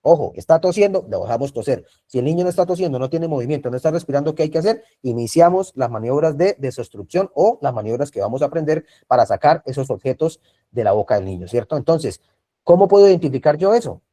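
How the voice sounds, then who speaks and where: A man with a Colombian Spanish accent teaches an online first aid class. His voice is mellow and dark in tone. He talks over a video call and keeps asking whether his students follow. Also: a little high, expressive, quick pace. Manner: repetitive, checks in with frequent tag questions.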